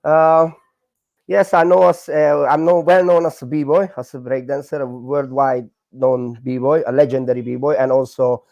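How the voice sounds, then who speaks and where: A man in his forties from Hungary with a Hungarian accent, telling his story in a casual interview with many fillers and halting non-native grammar. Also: mid-range voice, fairly even intonation, creaky, a little mellow, no room sound, muffled recording. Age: 40s. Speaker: guest, breakdancer.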